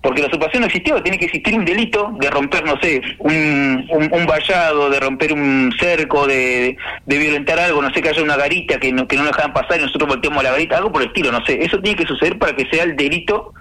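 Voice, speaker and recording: Argentine guy as a guest, rattles on fast, insistent, keeps going "no sé", bit high voice. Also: sharp tone, rough recording. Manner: insistent, piles up examples, trails off with "no sé". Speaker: interview guest, housing activist. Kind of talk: explaining to an interviewer.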